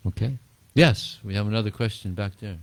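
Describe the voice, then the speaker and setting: Deep-voiced man giving a casual spiritual talk. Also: brisk, gravelly. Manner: chuckles often, repeats words, rambling storytelling. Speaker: spiritual teacher answering questions. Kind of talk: informal talk and Q&A.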